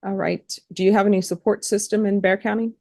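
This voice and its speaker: In a courtroom, a woman judge presides over a hearing, putting formal, procedural questions to people and spelling out names. Her medium-pitched voice is gravelly and darkish, with fairly even intonation, and she talks fast. The recording is dry.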